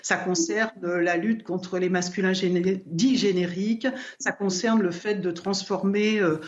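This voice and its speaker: A woman's voice: on the low side, steady tone, unhurried. An older woman, a professor emerita, arguing her point as a remote debate guest, insistent and explanatory with frequent restarts. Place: remote studio link. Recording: dull remote link.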